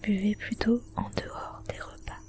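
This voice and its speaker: Whispering woman giving ASMR wellness advice. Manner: soft breathy whispering; measured, instructional delivery with short phrases.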